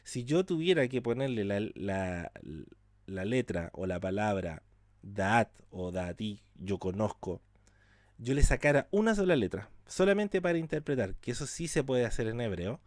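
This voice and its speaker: A man's voice: medium pitch, sing-song, normal speed, darkish tone, no echo. A man teaching a scripture class, asking his listeners rhetorical questions and acting out quoted speech with drama. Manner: asks rhetorical questions and addresses the class directly. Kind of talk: lecture on scripture.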